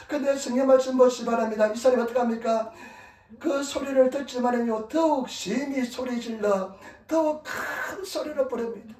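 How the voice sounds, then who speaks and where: A man's voice: very high-pitched, moderate pace, a little mellow, recorded from a distance. A male pastor preaching a sermon in a church, pleading emphatically and repeating his exhortations. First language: Korean, preaching in Korean in Japan. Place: church sanctuary. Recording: echoey room, voice from off-mic.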